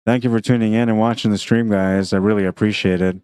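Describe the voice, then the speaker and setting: A man's voice: on the low side, steady tone, fast talker, a little mellow. A man giving casual play-by-play commentary on a pool livestream, thinking aloud about the shots in a chatty way.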